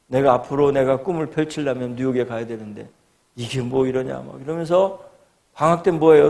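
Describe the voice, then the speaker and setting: A middle-aged male guest pastor preaching in a church, telling a personal story with animated delivery and acting out quoted prayers and voices. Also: medium pitch, vocal fry. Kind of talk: storytelling sermon. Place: church sanctuary.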